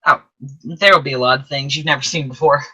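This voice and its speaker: An actor voicing Clarence, an earnest second-class guardian angel, with animated, emphatic delivery in an old-time radio play. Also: medium pitch, quick pace, husky, poor audio. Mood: excited, explaining.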